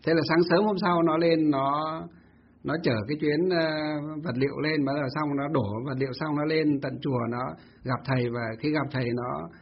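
A man's voice: on the high side, fairly even intonation, normal speed, husky, muffled recording. A Buddhist monk telling a story in a Dharma talk, asking himself rhetorical questions as he goes.

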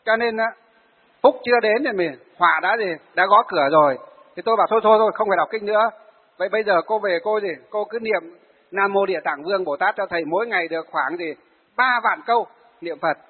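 A Buddhist monk, giving a sermon to lay followers and telling stories of them in a lively way. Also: male voice, high-pitched, a little fast, husky. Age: 40s. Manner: storytelling, acts out the people he tells of. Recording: phone-like, hall reverb.

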